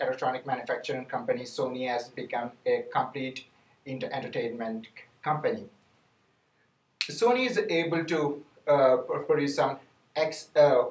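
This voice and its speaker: A man from India, giving a team business presentation with many fillers and restarts. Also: medium pitch. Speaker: student presenter. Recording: roomy, distant mic.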